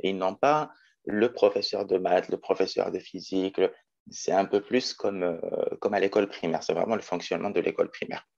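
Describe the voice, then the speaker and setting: A man's voice: low-pitched, steady tone, fairly quick, creaky, darkish tone, highs cut off. A man in his twenties from Morocco, a teacher talking as a guest in a casual interview, thoughtful with many hesitations. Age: 20s. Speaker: guest, special education teacher.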